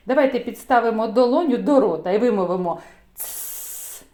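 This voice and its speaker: A woman teaching a phonics lesson to small children, speaking slowly and clearly in a sing-song way. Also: on the high side, dark tone. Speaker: preschool teacher.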